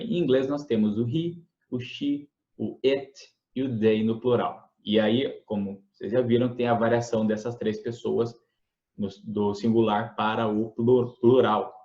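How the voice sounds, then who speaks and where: Man, teacher, conversational lesson, frequent fillers and restarts, mid pitch, echoey room. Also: warm tone, muffled recording. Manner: conversational, many fillers and restarts, asks checking questions. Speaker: English teacher. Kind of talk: explanatory lesson.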